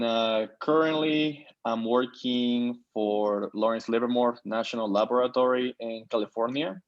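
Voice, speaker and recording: A board member from Peru, in his thirties, makes his introduction during a virtual board meeting, the audio's highs cut off. He speaks in a lowish voice, and his remarks are full of fillers and false starts.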